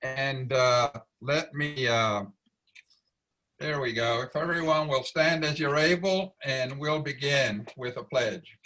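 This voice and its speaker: A man chairing a club meeting over a video call, speaking deliberately with frequent fillers and restarts. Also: medium pitch, sharp tone. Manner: many fillers and restarts, slow deliberate delivery.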